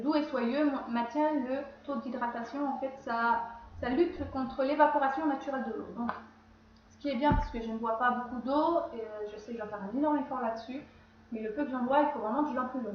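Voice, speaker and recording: A beauty vlogger with a cold chats casually through her skincare routine, rambling and often correcting herself in a high-pitched, brisk voice. The room is very echoey, the sound slightly dull, with a little hiss or hum.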